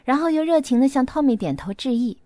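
A woman narrating an audiobook in a lively storytelling manner. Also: sits high, fast, no echo.

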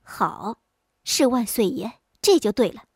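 A woman voicing a calm, clever young village woman who answers with composed sarcasm in a folk story. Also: fairly high pitch, measured pace, breathy edge, no echo, clean studio sound, heavily acted. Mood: cool mocking.

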